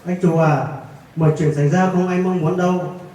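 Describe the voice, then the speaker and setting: A man acting out a calm village outreach worker who soothes and explains patiently. His voice is a little high for a man. It comes from far off in a very echoey room. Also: fairly quick, natural voice. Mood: soothing. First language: Hmong. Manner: calming, persuasive. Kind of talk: amateur skit acting. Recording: very echoey, from a distant mic.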